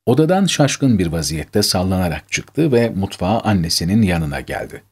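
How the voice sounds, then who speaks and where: A man narrating a scripted story in a measured, emotive reading. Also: low-pitched, big pitch swings, a little mellow, breathy edge.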